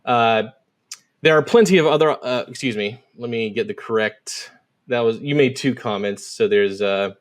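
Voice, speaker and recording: Podcast host man, plain mid voice. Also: medium pitch. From United States. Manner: reads quoted posts aloud quickly. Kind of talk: casual podcast conversation.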